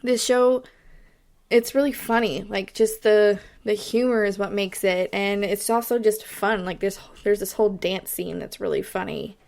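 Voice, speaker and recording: Texan woman, podcast host, casual rambling talk, mid pitch, hiccups. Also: fairly even intonation, normal speed, gravelly, a little mellow. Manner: chatty, rambling, lots of fillers. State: has the hiccups. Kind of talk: casual solo podcast review.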